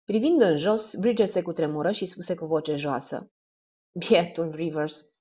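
A woman narrates an audiobook in a measured storytelling way. Her low voice rises and falls with lively inflection. The recording is dull and lo-fi. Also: slightly rough. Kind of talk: scripted narration.

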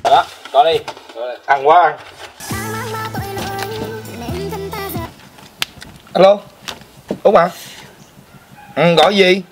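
An actor playing a greedy, boastful eldest son, loud and excitable, with a slightly husky voice, in a comic family melodrama. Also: male voice, high voice, close to an everyday voice. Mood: excited.

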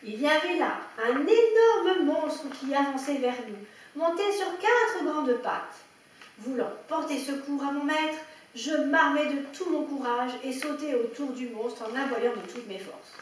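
High-voiced woman reading a children's story. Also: measured pace. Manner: lively expressive reading. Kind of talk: reading a children's picture book aloud. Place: indoor room at a public story reading. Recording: echoey room, heard from a distance, faint background ambience.

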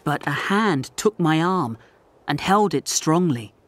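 Slow, deliberate male storyteller. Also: a little high, lively intonation, fairly bright tone. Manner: slow, deliberate, clearly articulated. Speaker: narrator. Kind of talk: slow storybook narration for English learners.

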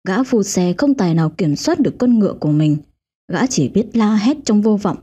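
A woman's voice: medium pitch, lively intonation, normal speed, dark tone, husky. A woman host giving scripted, dramatic narration of a ghost story. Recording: dull lo-fi audio with faint music.

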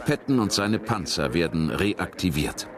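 Deep-voiced male documentary narrator. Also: expressive, unhurried, background noise. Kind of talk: scripted historical documentary narration.

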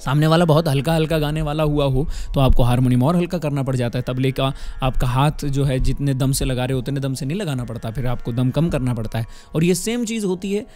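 Hindi-speaking music teacher explaining patiently. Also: male voice, medium pitch, fairly quick, hardly any pauses, darkish tone. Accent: Hindustani. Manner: explains patiently, often checks with "है ना?". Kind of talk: spoken music lesson with sung demonstrations. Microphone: close studio microphone. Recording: harmonium music underneath. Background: harmonium playing.

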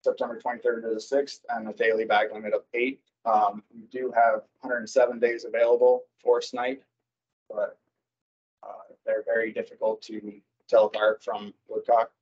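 A man presenting wildlife season recommendations at a public board meeting, speaking haltingly with many fillers and self-corrections over a video call. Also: lowish voice, little pitch movement, slight background noise. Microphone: computer mic on a video call. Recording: dull lo-fi video call audio.

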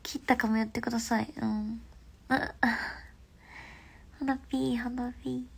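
A young woman chats on a phone livestream in a raised, gravelly voice with plenty of fry. Her nose is stuffed up, so her speech sounds nasal. She talks in a relaxed, rambling way and keeps slipping into soft half-whispers. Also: a little high, slow pace. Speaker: livestream host. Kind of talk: casual livestream chat.

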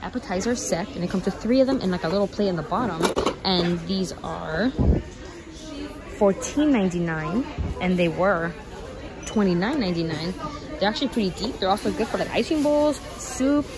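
A woman's voice: mid-range voice, lively intonation, moderate pace. A young woman vlogging casually as she walks through a store, chatting and listing prices while gushing over items. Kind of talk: casual shopping walkthrough. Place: indoor retail store. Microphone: handheld phone camera. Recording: busy store with crowd noise. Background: store crowd chatter.

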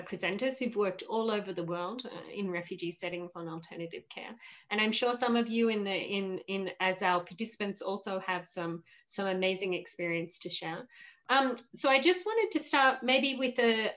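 A woman in her forties hosts an online panel session from a home room with shelves, speaking over a video call through her laptop webcam. Her mid-range voice is a bit bright, and she sounds upbeat and welcoming while using frequent fillers.

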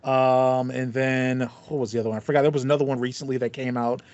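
On a video call via headset, a podcast co-host in his thirties talks quickly about video game music. His voice is medium-pitched, a little mellow, with little pitch movement. His casual, enthusiastic chat rambles as he explains. The small foam-paneled room at home yields slightly muffled, dry audio.

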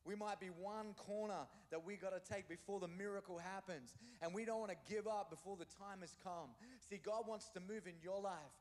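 A man, a pastor delivering an impassioned sermon that moves between loud declarations and hushed asides. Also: high voice, normal speed, few pauses, big-room sound. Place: church hall, livestreamed service.

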